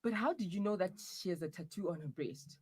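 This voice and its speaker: A man's voice: high voice, fairly quick, darkish tone, breathy edge. A man playing a fussy, whiny young boyfriend. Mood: pleading. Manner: whiny, dramatic outbursts. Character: young man stuck in his girlfriend's body, touchy. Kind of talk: comic audio drama.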